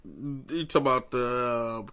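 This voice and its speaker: Laid-back, bright-voiced man chatting. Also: mid-range voice, slow pace, smooth. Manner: laid-back, slangy, laughs often. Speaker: podcast co-host. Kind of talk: casual chat.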